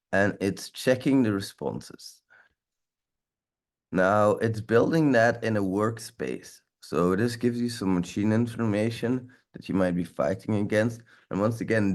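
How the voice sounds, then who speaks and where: Demonstrating a tech tool live in a loose, wandering way, this security instructor sounds stuffy and drops the odd swear word. His voice is fairly low pitched and a little mellow.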